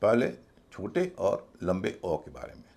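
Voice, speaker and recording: Gravelly Hindi-speaking pronunciation teacher. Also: male voice, deep voice, huge pitch swings, darkish tone. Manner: spells out letters slowly, then stresses each pronunciation. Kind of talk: explanatory video lesson.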